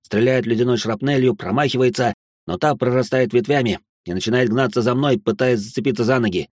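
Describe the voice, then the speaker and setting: A man's voice: mid-range voice, fairly quick, a little mellow, no echo, studio quality. A man narrating a tense, action-filled story in the first person.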